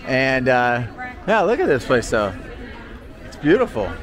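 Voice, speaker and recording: A man's voice: medium pitch, big pitch swings, a little slow, heavy background noise. A man talking casually as a travel vlogger, walking city streets and pubs with a handheld camera. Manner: casual, chatty, slangy. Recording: street crowd and music behind.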